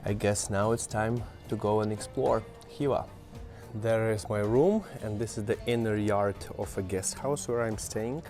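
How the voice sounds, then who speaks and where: Walking outdoors through an old town, a man from Western Ukraine gives easygoing travel commentary and points things out for his viewers. He's a travel vlogger and native Ukrainian speaker with a Ukrainian accent, and his fairly low, mellow voice takes its time. Soft music plays in the background.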